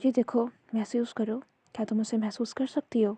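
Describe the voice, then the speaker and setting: A woman voicing a tender husband who speaks softly and soothingly to his wife. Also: a little high, steady tone, slightly rough, no room sound. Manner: soft, soothing. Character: tender loving husband, police officer.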